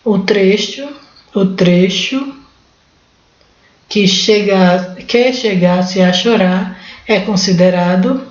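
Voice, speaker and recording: A woman's voice: medium pitch, slow, long pauses. Brazilian woman teaching in an echoey room. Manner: informal, thinks aloud, many restarts and tag "né". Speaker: exam-prep Portuguese teacher. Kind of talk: spoken lesson going through exam questions. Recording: roomy, dull lo-fi recording.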